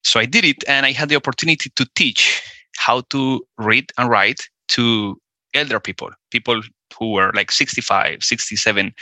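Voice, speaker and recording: This guest in a relaxed interview is a man in his 40s from Colombia who speaks Spanish natively with a Colombian accent. His medium-pitched voice sounds bright and forceful, though he hesitates often, restarting and filling gaps. There's no room sound.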